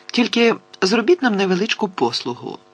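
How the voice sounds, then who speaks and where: Brief: a man playing a cheeky young woman wheedling a favor, raised, bright voice. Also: high-pitched, big pitch swings, normal speed, breathy edge, voice pushed up, exaggerated voice. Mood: coaxing. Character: bold, playful young woman prisoner.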